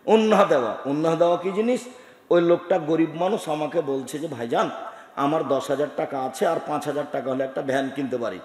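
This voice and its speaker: A middle-aged man from Bangladesh, preaching a sermon forcefully, swinging from loud shouted lists to low asides. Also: a little fast. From Chapainawabganj, Bangladesh. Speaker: teacher and scholar. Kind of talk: Bengali sermon. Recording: echoey hall with long reverb.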